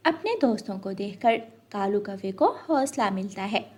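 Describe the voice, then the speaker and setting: A woman narrates a scripted children's story expressively, in a storytelling style. Her voice is medium-pitched and she speaks at normal speed.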